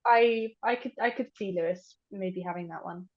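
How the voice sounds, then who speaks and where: A woman's voice: medium pitch, moderate pace. A young woman chats casually as a podcast co-host. She hedges her points and fills gaps with "um". The audio is dull and lo-fi. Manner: chatty, hedging, many fillers. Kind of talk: casual chat.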